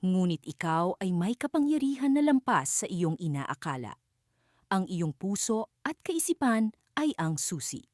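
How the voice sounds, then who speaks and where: A woman's voice: on the low side, big pitch swings, a little slow, a little mellow, no room sound, studio quality. A woman voicing a wise ancient forest fairy who solemnly warns a young heroine in a storybook tale. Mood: solemn warning. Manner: solemn, warning.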